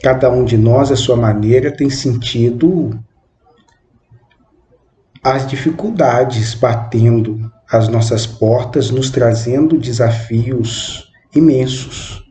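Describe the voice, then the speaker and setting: A young man in his twenties speaks slowly in a mellow, soft-edged voice. His phrasing is halting and measured, and he keeps tossing in little questioning tags. The room sounds roomy and echoey, with a faint hum of background noise. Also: mid-range voice. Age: 20s. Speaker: channel host. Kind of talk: reflective spoken monologue.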